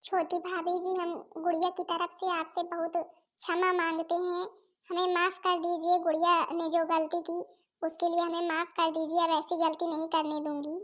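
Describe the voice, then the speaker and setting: A woman's voice: extremely high pitch, flat delivery, moderate pace. A woman playing a meek village mother. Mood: apologetic. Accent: Awadhi. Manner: humble, apologizing. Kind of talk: cartoon voice acting.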